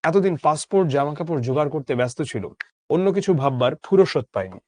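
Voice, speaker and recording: Brisk and a little mellow, this young adult man's voice sits fairly high and moves with lively intonation, recorded with no room sound. He leads exam students through a literature text, going back over every line, putting it into simple words and stressing key words with pronounced rises and falls.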